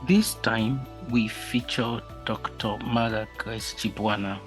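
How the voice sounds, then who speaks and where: A man hosting a podcast, reading a measured, formal scripted introduction. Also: on the low side, steady tone, rough recording. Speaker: podcast host. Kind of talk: scripted narration. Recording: faint music behind.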